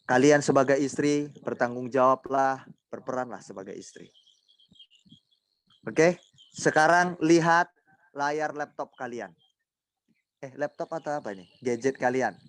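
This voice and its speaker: Loud, emphatic preacher on a video call. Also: male voice, mid-range voice, unhurried, long pauses. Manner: loud, emphatic, says he talks loudly; teasing, imitates group members' voices. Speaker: pastor teaching a youth group. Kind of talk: online sermon to a group on video call. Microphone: laptop mic on a video call.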